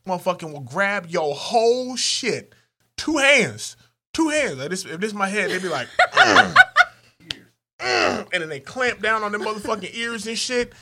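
A man cohosting a podcast, telling raunchy stories in a profane, animated way and acting out voices. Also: high-pitched, normal speed, slight background noise. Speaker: podcast co-host. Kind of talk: raunchy comedic banter.

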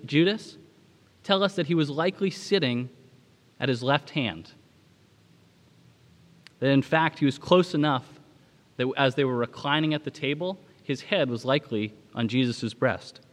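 A man delivering a sermon as a pastor, speaking in a measured, preaching manner with dramatic pauses. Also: mid-range voice, long reverb tail.

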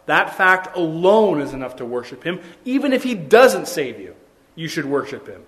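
A young man preaching a sermon in a conversational, earnest way, with quick asides and restarts. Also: fairly high pitch, sing-song, fairly bright tone. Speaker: pastor.

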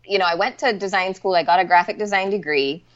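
A Barbadian lettering artist in her forties chats casually as an interview guest, often saying "you know" and laughing lightly. Her mid-range voice moves at a quick pace, and the highs are cut off.

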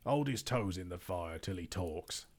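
A man voicing a suspicious, quarrelsome male troll who drawls surly threats in rough slang. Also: sits low, lively intonation, unhurried, darkish tone.

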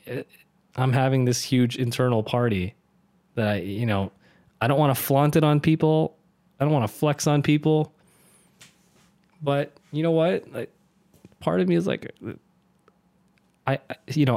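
An earnest young man in his late twenties musing aloud in a casual monologue, rambling and often breaking into laughter. His voice sits at an ordinary middle pitch, recorded close and dry with no room sound. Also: darkish tone, no echo. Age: 20s. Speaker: vlogger. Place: home in a city.

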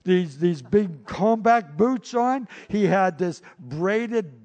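A male pastor preaching a sermon, telling stories with animated delivery and frequent repeated words. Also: high voice, takes it slowly, highs cut off.

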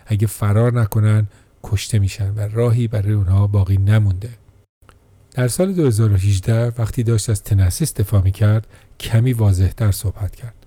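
A man narrates a documentary script in a steady, measured voice. His tone is very dark and mellow, and his pitch sits low. The recording is dry and close, with no room sound. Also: dry recording. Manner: steady, measured reading of quotes and events.

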